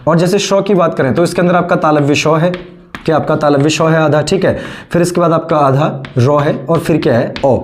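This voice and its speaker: A teacher giving an online grammar lesson who keeps asking the class questions, answers them itself, and slowly repeats sentences so students can copy them down. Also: medium pitch, slight background noise. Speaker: Hindi teacher.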